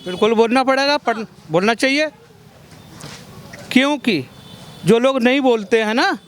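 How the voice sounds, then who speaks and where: A man's voice: very high voice, moderate pace, a bit bright, a little hiss or hum. A man answering a street interview outdoors, firm and emphatic.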